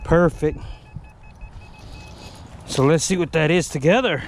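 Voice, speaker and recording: A man's voice: fairly high pitch, slow pace, slight background noise. A man narrating his metal detecting hunt outdoors, breathing hard and rambling with filler words. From Texas. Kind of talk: casual narration while digging. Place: outdoors in a humid field.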